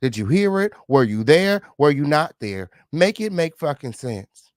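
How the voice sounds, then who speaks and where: A man's voice: on the high side, sing-song, measured pace, darkish tone, no room sound, studio quality. A man hosting a profane exposé vlog in a smug, sarcastic, slangy manner, repeating phrases for emphasis. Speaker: online commentary channel host. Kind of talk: profane exposé commentary to viewers.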